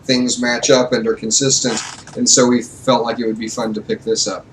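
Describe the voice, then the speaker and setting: A man's voice: mid-range voice, little pitch movement, normal speed. A man hosting a casual let's play at home, explaining the game in a conversational way with fillers, heard with faint noise from a distant mic. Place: home, with his wife.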